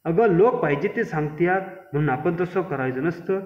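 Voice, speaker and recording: A man playing a crafty village husband who moans and pleads over a sore leg. The voice sits fairly high and echoes in a large room. The sound is dull and muffled. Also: expressive, moderate pace, close to an everyday voice. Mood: lecturing. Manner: moaning, pleading.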